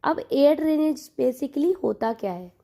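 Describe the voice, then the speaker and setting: A woman's voice: high-pitched, animated, measured pace, gravelly, mellow. A woman teaching an online lesson, mixing Hindi and English and repeating key terms for her learners. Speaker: online exam-prep teacher. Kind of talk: Hindi-English mixed lecture explaining to learners.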